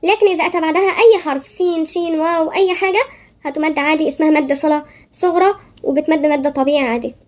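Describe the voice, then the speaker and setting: A woman with an Egyptian Arabic accent teaching tajweed. She chants verses slowly, then explains each rule quickly, step by step. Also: high voice, fairly even intonation. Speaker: Quran recitation teacher. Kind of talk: tajweed lesson.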